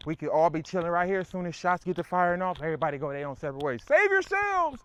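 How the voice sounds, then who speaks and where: A man's voice: fairly high pitch, steady tone, rapid-fire, clear, resonant tone. A man talking while working out, rambling and preaching in slangy street talk, winded from exercise. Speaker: fitness vlogger. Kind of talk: workout vlog monologue.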